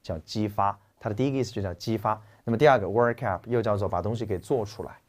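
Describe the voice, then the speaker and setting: A man teaching English vocabulary in a lecture, explaining in a lively, joking, slangy way. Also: on the low side, fast.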